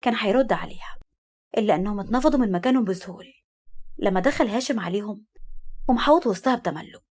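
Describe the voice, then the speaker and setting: A woman narrating a story in a brisk, lively reading with an Egyptian accent. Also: medium pitch.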